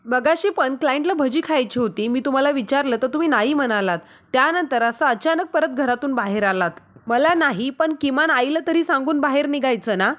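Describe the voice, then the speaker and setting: A woman's voice: high voice, lively intonation, fairly quick, a bit bright. A woman reading the lines of an anxious young husband who scolds his wife out of worry. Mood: worried scolding. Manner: urgent, worried scolding.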